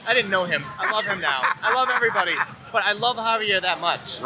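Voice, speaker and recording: A man's voice: sits high, lively intonation, quick pace, bright, forceful tone, poor audio. A man from the Northeast US hosting a podcast, interviewing casually and joking with a laugh. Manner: jokey, laughs often. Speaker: podcast host.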